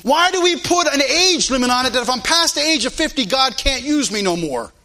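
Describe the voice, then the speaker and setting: A pastor with a very high, pushed, bright voice preaches expressively and a little fast in a church sanctuary. Recorded on a live stream, the sermon is fervent and emphatic, with many rhetorical questions.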